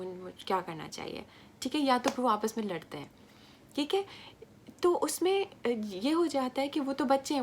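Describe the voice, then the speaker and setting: Chatty Urdu-accented woman explaining. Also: fairly high pitch. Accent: Pakistani Urdu. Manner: conversational, often asks the listener "right?". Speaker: parenting educator. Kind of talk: informal parenting talk.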